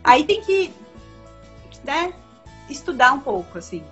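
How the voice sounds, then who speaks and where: Slow-paced and sitting high, this woman's voice swings widely in pitch, with faint music behind it. She's a Brazilian comics editor in her thirties giving an emphatic, casual video-call interview from home, often using fillers and restarting. The sound comes through a laptop webcam as dull lo-fi audio.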